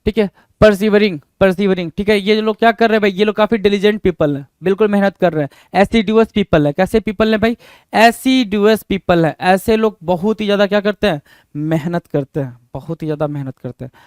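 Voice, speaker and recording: Man, exam-prep vocabulary lesson, rhetorical questions, bright high pitch, dry close recording. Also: normal speed, clear, resonant tone, no echo. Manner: rhetorical questions to students, repeats words. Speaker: vocabulary teacher.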